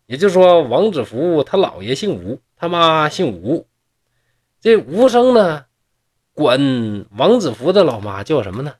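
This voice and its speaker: A man's voice: a little high, big pitch swings, unhurried, a little mellow. A man with a Northeastern accent retelling a classic tale in folksy oral storytelling, chatty with asides to his listeners. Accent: Northeastern Mandarin.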